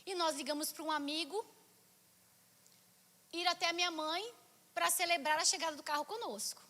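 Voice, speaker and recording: A woman pastor from Brazil preaching a sermon with a personal testimony, telling her story with feeling and moving from soft passages to loud exclamations. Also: very high-pitched, moderate pace. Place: church. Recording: long church hall reverb.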